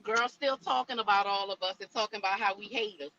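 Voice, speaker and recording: A woman's voice: mid-range voice, fast talker, pushed and bright, slight background noise. A woman talks bluntly and scornfully in a casual gossip chat over the phone. Her voice comes through muffled and distant, as if from behind a wall, with dull, lo-fi call audio. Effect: muffled and far away, as through a wall. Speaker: co-host on a call. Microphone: phone on a call, while getting out of a car.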